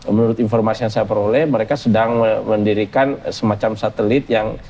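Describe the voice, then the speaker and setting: A man speaking earnestly as a panel guest, measured and full of hesitant fillers and restarts. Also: fairly low pitch, fairly even intonation, darkish tone. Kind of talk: panel discussion.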